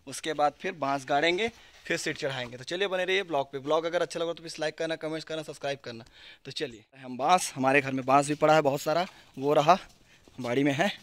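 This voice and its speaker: A man's voice: fairly high pitch, steady tone, fast, a bit bright. A young man from West Bengal, chatting directly to viewers while filming himself on a phone held at arm's length in an outdoor backyard. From West Bengal, India. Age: young adult. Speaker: vlogger. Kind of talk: casual vlog narration.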